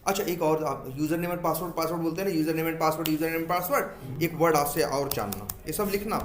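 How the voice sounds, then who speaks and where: Male instructor, somewhat high voice, classroom lecture, quizzes students, echoey room. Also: fast talker, slight background noise. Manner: asks the class questions and answers them himself, repeats key terms; mixes English technical terms into Hindi. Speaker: software testing instructor.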